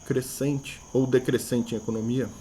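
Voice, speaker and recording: A warm, medium-pitched man's voice with fairly even intonation and normal speed explains math in a video lesson, over a slight hiss or hum. Speaking with a Brazilian Portuguese accent, he thinks aloud, echoes important words, and raises rhetorical questions for himself.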